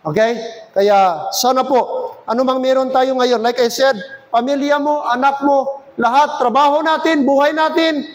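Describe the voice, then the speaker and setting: High-voiced Filipino preacher. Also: male voice, poor audio. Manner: preaching in a mix of English and Filipino, asking the congregation "Amen?"; slows down to stress key points, calls out loudly at times. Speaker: pastor. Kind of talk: sermon. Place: church service.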